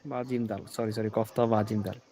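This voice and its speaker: A man's voice: lowish voice, fairly even intonation, normal speed, mellow. Male student, hesitant answers, faint noise behind. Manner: hesitant, self-correcting answers. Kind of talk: answering the teacher in class. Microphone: video call.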